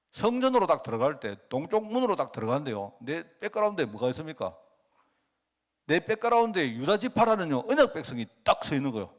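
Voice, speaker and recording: Animated preaching man, lively pitch. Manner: animated preaching with sudden loud and soft swings; asks the congregation rhetorical questions. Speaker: pastor. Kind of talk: sermon.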